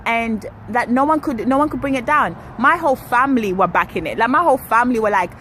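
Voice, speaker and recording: A woman's voice: a little high, quick pace. Young woman vlogging outdoors by traffic. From Kenya. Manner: chatty, animated, self-correcting. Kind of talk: casual storytelling to camera. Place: outdoors on an urban street, waiting for a ride. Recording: street traffic noise behind.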